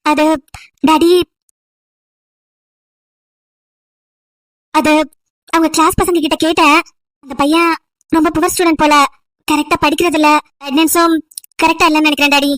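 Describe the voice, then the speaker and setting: A woman's voice: sits high, flat delivery, fairly quick, pauses often, fairly bright tone, dry recording, clean studio sound, voice pushed down. A woman playing a caring young friend. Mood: hesitant. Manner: soothing, reassuring, earnest. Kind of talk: amateur audio drama.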